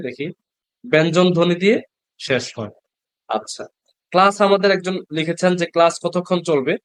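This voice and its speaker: A man's voice: a little high, clean tone, dry recording. A man teaching Quran reading in an online class, patiently sounding out each Arabic letter and repeating it for learners. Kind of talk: online class lecture over video call. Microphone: video call.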